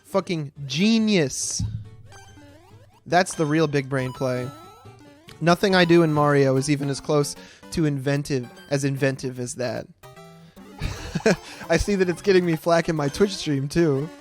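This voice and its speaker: Hosting a game stream, a man in his late twenties rambles, swears freely, and pokes fun at himself in casual commentary. His voice is a little high, his pace unhurried with long pauses. Soft music plays in the background.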